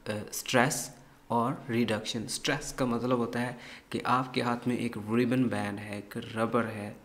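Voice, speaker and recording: A man's voice: mid-range voice, level tone, a bit bright. A man teaching a phonics lesson, repeating each word with exaggerated stress to model how it should sound. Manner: deliberate, repeats words to model pronunciation. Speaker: English teacher.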